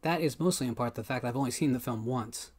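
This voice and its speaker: A man in his thirties hosting his own channel, calmly delivering a scripted film analysis to camera in a small home room, measured and deliberate, with dramatic pauses. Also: mid-range voice, slightly rough. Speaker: film critic host.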